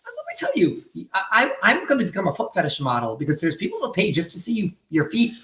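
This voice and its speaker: A man's voice: high voice, huge pitch swings, fast, fairly bright tone. A man with a campy drag queen manner, chatting and bantering casually on a live stream. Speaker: drag performer hosting a live brunch stream. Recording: roomy, echoing live-stream sound.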